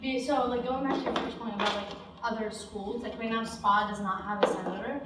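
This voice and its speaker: A woman's voice: medium pitch, steady tone, a little fast, very noisy. A woman student senator arguing in a meeting, rambling with many fillers. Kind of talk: meeting discussion. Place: meeting room. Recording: echoey room from far off.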